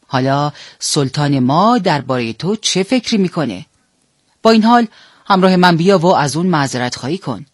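Wheedling storybook fox, male, sly and smooth-talking, a man voicing him, husky and fairly high. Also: no echo, clean studio sound. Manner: wheedling and persuasive. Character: sly flattering male fox, the lion's minister.

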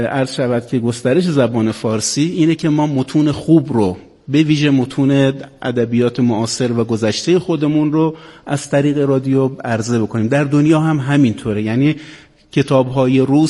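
A man's voice: mid-range voice, dark tone. Man giving a speech in a reverberant hall. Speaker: guest speaker, scholar. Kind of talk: formal extempore speech.

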